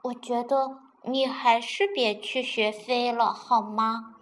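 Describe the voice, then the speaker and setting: A woman voicing a doubtful young male rabbit in a children's storybook, gentle and hesitant. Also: a little high, fairly even intonation, takes it slowly. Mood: pleading.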